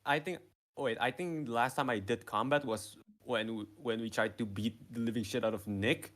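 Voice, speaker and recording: A man's voice: mid-range voice, normal speed, fairly bright tone. A man playing a tabletop game, chatting casually in a hesitant, joking way. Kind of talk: casual chat.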